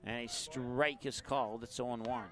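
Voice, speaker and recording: A man calling a summer baseball game play-by-play, easygoing and chatty between pitches, with the hiccups. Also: steady tone, moderate pace, a bit bright. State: has the hiccups. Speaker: play-by-play announcer.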